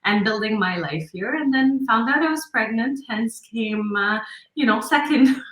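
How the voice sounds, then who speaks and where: A woman's voice: a little high, expressive, a little slow, fairly bright tone, roomy sound, poor audio. A woman, a podcast guest talking reflectively in casual interview chat, laughing easily and restarting her sentences. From Lebanon.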